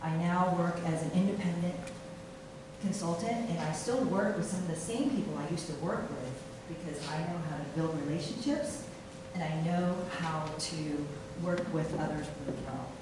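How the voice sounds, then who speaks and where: A middle-aged woman, a city council candidate from Taiwan, giving a halting campaign speech full of fillers and restarts. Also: deep voice. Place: meeting room. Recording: echoey room from far off, noisy.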